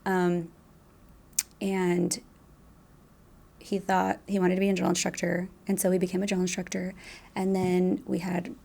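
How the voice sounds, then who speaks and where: A woman in her thirties, a guest in a casual interview, speaking softly and reflectively with many fillers. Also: lowish voice, monotone, unhurried, creaky, pauses often. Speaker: guest, widow of a police officer.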